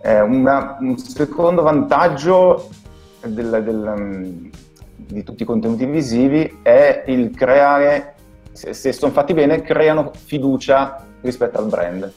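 A man with an Italian accent, a guest designer, explaining things in a halting way that repeats words over a video call. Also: mid-range voice, lively intonation, a little mellow, highs cut off, soft background music. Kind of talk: casual video call interview.

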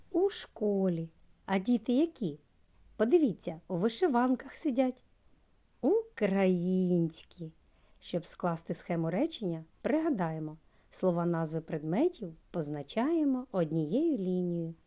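A woman's voice: mid-range voice, warm tone. A woman kindergarten teacher from Ukraine giving a recorded lesson to preschoolers, speaking to them directly. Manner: slow, sing-song, addresses children directly.

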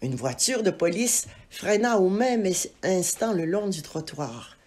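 Slow, husky woman reading a storybook. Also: fairly low pitch. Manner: expressive, animated storytelling. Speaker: narrator.

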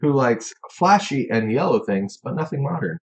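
A man's voice: mid-range voice, big pitch swings, normal speed, soft background music. A man co-hosting a game let's play, chatting casually, reading trivia aloud and swearing now and then. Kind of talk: casual chat over gameplay.

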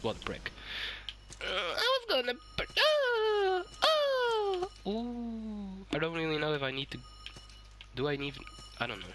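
Hoarse sick guy yelling and swearing at a game, bright pushy voice, slightly high. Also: unhurried, a little hiss or hum. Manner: excitable, swearing, shouting at the game. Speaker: gaming YouTuber. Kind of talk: let's play commentary.

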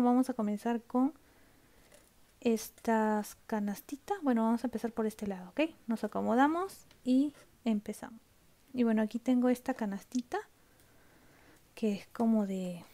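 A woman's voice: fairly high pitch, measured pace, long pauses, dark tone. A woman vlogging casually from home, showing her makeup collection, chatty and often checking in with her viewers, sometimes dropping to a whisper. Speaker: beauty vlogger. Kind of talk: casual product show-and-tell.

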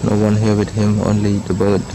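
A man filming in a forest and talking over the footage, in simple, slow English. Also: fairly low pitch, completely flat delivery. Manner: simple non-native English phrasing, slow and soft-spoken. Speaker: wildlife vlogger filming monkeys. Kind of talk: casual commentary while filming. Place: outdoors in a forest under trees. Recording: outdoor camera audio with forest insect noise.

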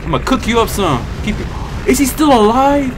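A young American man giving excitable, trash-talking commentary while he plays a video game. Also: very high voice, brisk, background noise. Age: young adult. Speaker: gaming video host. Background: game music and sounds.

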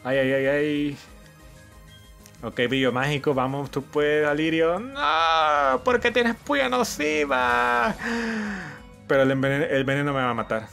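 A man's voice: medium pitch, fairly even intonation, normal speed, soft background music. A young man giving casual let's-play commentary as the host of a gaming channel, cheering his team on, thinking aloud and swearing often.

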